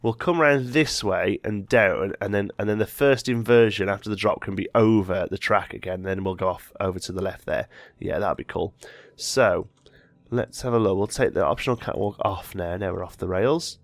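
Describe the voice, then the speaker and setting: In casual gameplay commentary, a man with a light head cold muses aloud while building, often correcting himself partway through sentences. He has a lowish voice at normal speed, with no room sound.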